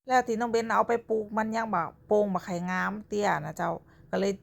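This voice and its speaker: A woman's voice: medium pitch, quick pace, gravelly. A young woman with a Northern Thai accent, narrating her own vlog in a chatty way and closing her phrases with polite particles. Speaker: vlogger.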